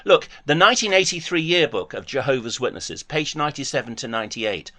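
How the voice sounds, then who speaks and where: A man's voice: mid-range voice, expressive, a little fast, sharp tone. A man hosting a heated debate with a caller, pressing him with references. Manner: pressing, argumentative, quotes references.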